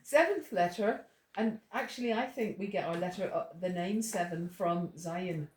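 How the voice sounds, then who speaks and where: Teaching a small study group in an indoor room, a middle-aged woman from Ireland speaks at normal speed in a fairly low voice. Her talk is digressive, full of stories and repeated restarts, captured with roomy echo and faint background noise.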